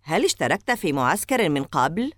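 A woman's voice: sits low, big pitch swings, a little fast, fairly bright tone, no room sound, studio quality. A woman voicing a curious, impatient boy at summer camp. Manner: impatient, pleading. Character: tired, curious boy camper.

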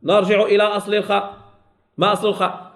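A man with a Moroccan Arabic accent teaching a Quran recitation class. He corrects his students and stretches out sample words slowly, saying them again and again. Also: high-pitched, little pitch movement, creaky, a bit bright. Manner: corrects students and checks they follow. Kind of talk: classroom tajweed lesson.

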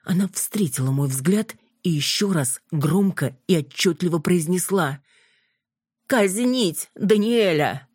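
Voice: mid-range voice, a little slow, hardly any pauses, a little mellow, slightly rough, no room sound, studio quality. An audiobook narrator reading a first-person story with emotion.

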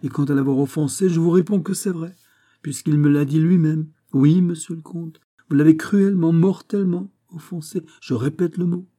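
A man voicing Porthos, a bluff and stubborn musketeer baron who speaks solemnly and deliberately in a dramatized audiobook reading. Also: a little high, fairly even intonation, mellow, voice pushed up, close to an everyday voice. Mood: insistent.

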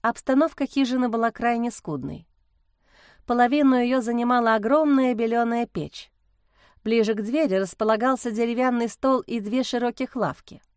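A woman reading a fairy-tale audiobook chapter as narrator, in an even storytelling manner. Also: on the high side, normal speed, dry recording, clean studio sound. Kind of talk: scripted narration.

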